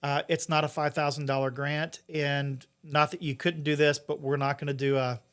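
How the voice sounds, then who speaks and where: A man's voice: a little high, level tone, normal speed, fairly bright tone, clear, resonant tone. Middle-aged man talking in an interview. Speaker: interview guest, entrepreneur and investor. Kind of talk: conversational interview, explaining.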